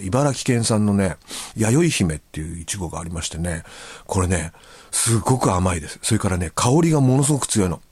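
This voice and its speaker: A man's voice: fairly low pitch, darkish tone, slightly rough, dry recording. A male radio host chatting casually and reading listener letters, with a chatty, easygoing manner and frequent filler words.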